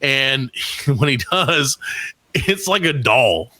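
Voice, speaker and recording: A man in his thirties co-hosting a comedy podcast, telling animated, profane stories in casual banter. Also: mid-range voice, slow, no echo. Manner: animated storyteller, swears a lot, slips into silly voices. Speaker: podcast co-host.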